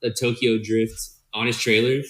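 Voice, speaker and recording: A man co-hosting a podcast in casual chat, excitable and slangy, swearing often. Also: mid-range voice, moderate pace. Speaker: podcast co-host. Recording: echoey room.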